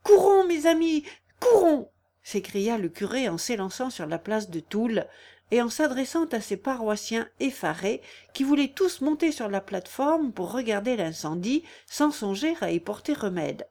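A woman reading a novel aloud as narrator. Her voice sits a little high, and her delivery is steady and measured. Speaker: audiobook narrator. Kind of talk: scripted narration.

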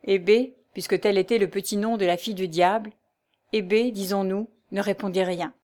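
Woman reader, classic novel narration, even and dramatic. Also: medium pitch, brisk. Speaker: audiobook reader.

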